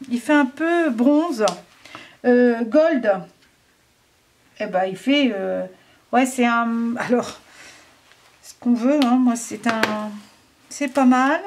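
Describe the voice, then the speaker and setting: A French woman with a high voice talks slowly through a casual craft product review. She is chatty and a little hesitant, thinking aloud and filling pauses as she goes. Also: darkish tone.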